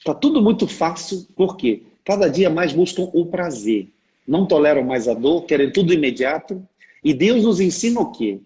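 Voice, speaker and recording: Brazilian guy preaching on a live stream, kinda high voice, tells faith stories all earnest. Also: sing-song, normal speed, mellow, poor audio. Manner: earnest storytelling, often asks "né?". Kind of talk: preaching on a livestream. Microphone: livestream setup.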